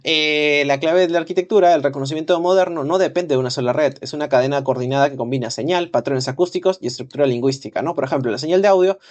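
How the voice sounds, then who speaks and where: A man's voice: a little high, fast talker, few pauses, lo-fi sound. Man reading lesson slides aloud. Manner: reads slide text, then adds loose asides. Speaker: instructor.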